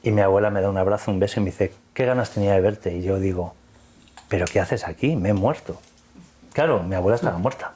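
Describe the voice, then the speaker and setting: A man's voice: lowish voice, quick pace, dark tone, breathy edge. A man from Spain with a Spanish accent, recounting a personal experience in earnest, vivid detail, quoting the dialogue. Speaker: interview guest.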